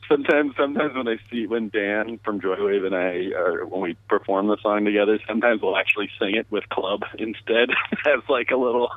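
Low-voiced man on a tinny phone line. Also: a little fast, hardly any pauses, no room sound. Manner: relaxed, laughs easily. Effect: heard over the phone. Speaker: music producer guest. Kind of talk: casual interview chat.

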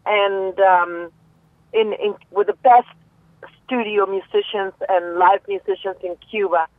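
A Peruvian woman with a Spanish accent and a medium-pitched voice joins a phone interview as a musician guest. She's lively and playful and laughs easily. The telephone line sounds tinny, with no echo.

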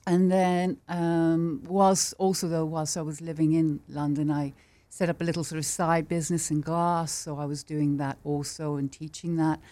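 In a relaxed interview chat, a woman from Ireland in her fifties discusses teaching art with plenty of laughter and warm enthusiasm. She speaks at a moderate pace in a low-pitched, level tone.

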